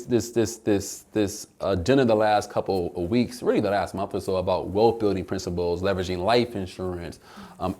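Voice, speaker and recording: A man hosting a finance channel, pitching the video energetically, then interviewing a guest with many restarts. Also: a little mellow. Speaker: host.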